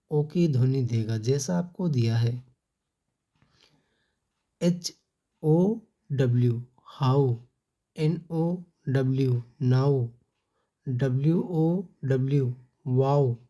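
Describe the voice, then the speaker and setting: A woman's voice: very deep voice, dark tone. A woman teaching English pronunciation, spelling letters one by one and then saying each word. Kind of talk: slow spelled-out phonics lesson.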